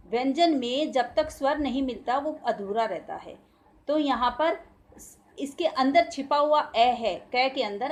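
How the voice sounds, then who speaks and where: A woman teacher with an Indian Hindi accent giving a recorded grammar lesson to young children, sounding out syllables slowly for them to repeat. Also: high voice. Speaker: school teacher.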